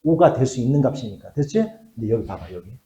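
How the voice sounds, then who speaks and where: A man's voice: mid-range voice, quick pace, reverberant. A middle-aged man teaching a math class, checking in with questions and muttering as he works at the board. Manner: lively, asks checking questions, drops to mutters while writing. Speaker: math tutor.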